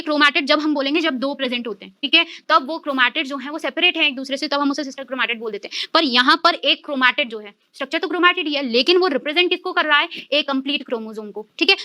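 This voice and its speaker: Brisk Indian woman teacher, high and bright, explains step by step to her students. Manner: explains step by step, keeps checking with "ठीक है"; addresses students as children. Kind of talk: recorded online class lecture.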